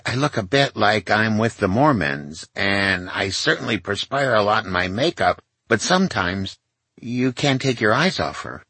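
A man in his sixties with a low, husky voice tells his memoir as if talking to his mother. He sounds wry and confiding and slips in jokes at his own expense. The sound is close and dry. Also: fairly bright tone, no echo. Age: 60s. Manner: wry, confiding, conversational with self-mocking asides. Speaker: memoir author.

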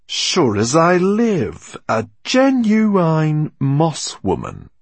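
A man voicing a gruff, bullying male captain who barks his lines loudly in a raised voice. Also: on the high side, huge pitch swings, very slow, no room sound, voice pushed up, full character voice. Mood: mocking. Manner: loud, barking.

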